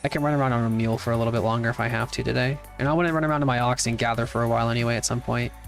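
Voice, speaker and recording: A man's voice: mid-range voice, steady tone, rapid-fire, creaky, soft background music. A man streaming a game live, chatting casually and answering his chat in a laid-back way. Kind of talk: casual livestream chat while playing.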